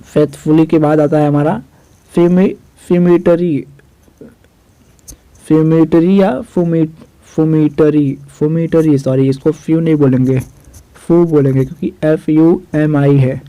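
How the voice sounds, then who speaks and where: Slow, dark-voiced male teacher. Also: a little high, fairly even intonation, clear, resonant tone, no room sound, low-quality recording. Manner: spells words letter by letter, repeats meanings; addresses viewers as "guys". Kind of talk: vocabulary lesson.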